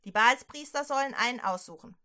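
A woman's voice: fairly high pitch, expressive, brisk, pushed and bright. A woman doing a stern commanding prophet. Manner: firm, scolding and commanding.

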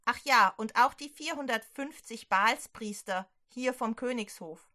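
A woman's voice: fairly high pitch, animated, unhurried, pushed and bright. A woman voicing a stern male prophet who scolds a king and commands the people, in a children's Bible story. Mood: commanding.

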